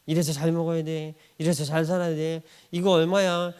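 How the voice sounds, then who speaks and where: A man's voice: fairly high pitch, flat delivery, normal speed, a little mellow, smooth. A male pastor preaching a sermon in a church, acting out quoted voices and laughing often.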